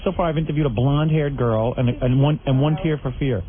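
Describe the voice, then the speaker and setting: Brash fast-talking radio host man. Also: mid-range voice, phone-quality sound. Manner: brash, crude, teasing. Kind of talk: live party broadcast banter. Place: crowded formal party room.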